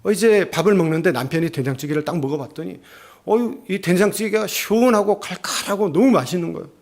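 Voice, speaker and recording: A man's voice: high voice, fast talker, a little mellow. A middle-aged male pastor preaching a sermon, telling a family story and acting out the quotes. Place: church sanctuary.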